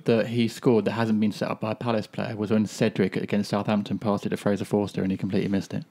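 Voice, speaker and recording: Male podcast host, quick delivery, glottal-stopped T's, casual sports chat. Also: lowish voice, flat delivery, creaky, dark tone. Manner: drops his T's with glottal stops.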